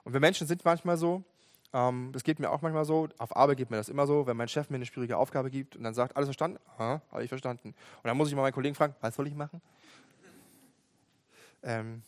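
A young preacher gives a sermon in an earnest, conversational tone, frequently restarting and filling his pauses. His middle-pitched voice is recorded close and dry, with no room sound at all.

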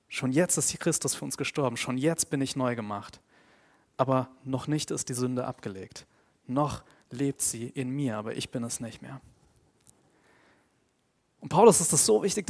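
A man preaching a sermon in an earnest tone, growing emphatic on his main points and dropping quiet and slow on key phrases. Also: medium pitch, creaky. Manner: earnest, grows emphatic and louder when stressing points.

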